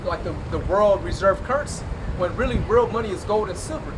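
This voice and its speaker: A man's voice: high voice, lively intonation, brisk. A man preaching on the street to a passerby, emphatic and repetitive, recorded outdoors. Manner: emphatic, repeats "all right" and "right". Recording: distant mic, loud traffic noise.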